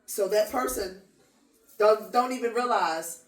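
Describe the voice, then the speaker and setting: A woman's voice: mid-range voice, measured pace. A woman co-hosting a casual advice chat, speaking emphatically and repeating phrases for stress. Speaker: podcast co-host. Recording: echoey room, mic at a distance.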